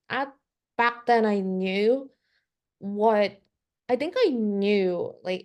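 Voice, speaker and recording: A young Korean woman, a concept artist appearing as a guest on a casual podcast, thinks out loud in English with a British accent carrying a slight Californian tinge. She's thoughtful and hedges often, leaning on "like" and restarting sentences. Her voice is medium in pitch and a little mellow.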